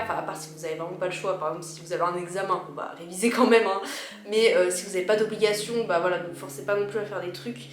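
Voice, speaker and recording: A woman with a slightly worn voice, explaining personal advice informally and chattily to her viewers. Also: mid-range voice. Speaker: video creator giving personal advice. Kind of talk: casual advice vlog, chatty. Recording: roomy echo with music behind.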